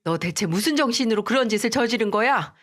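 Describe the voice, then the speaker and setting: A woman's voice: on the high side, expressive, fast talker, a bit bright. A woman voicing a stern older mother-in-law who firmly scolds her daughter-in-law in a read-aloud family drama story. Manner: scolding, firm.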